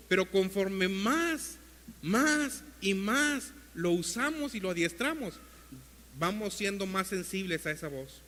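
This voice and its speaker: A male pastor preaching an earnest sermon to his congregation, calling them brothers, and rising in pitch and force as he exhorts them. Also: long reverb tail. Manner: builds to a louder, higher pitch when exhorting.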